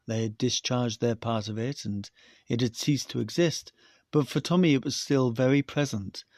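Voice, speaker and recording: A male podcast host reading a science fiction story aloud in a steady, even manner. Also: mid-range voice, no echo, clean studio sound.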